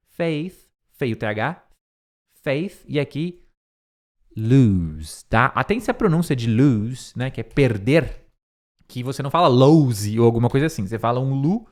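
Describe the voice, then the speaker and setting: A man from Brazil leads an online English lesson. He slows right down to repeat each English word and phrase with care, then turns to his students and reassures them directly. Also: medium pitch, a little mellow. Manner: slow, careful repetition of English words. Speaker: English teacher.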